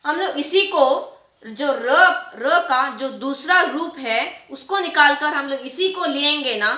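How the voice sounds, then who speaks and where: A woman teacher explaining a writing lesson to children, repeating and stretching out example words slowly. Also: high-pitched, animated, pushed and bright, roomy sound. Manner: repetitive, drawn-out word demonstrations, addresses children often.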